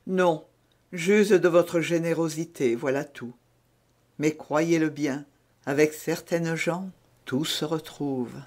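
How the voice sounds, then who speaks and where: A man's voice: fairly high pitch, slow, darkish tone. A man with a French accent voicing an anxious, secretive young woman in an audiobook, pleading and urgent. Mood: teasing. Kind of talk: audiobook reading.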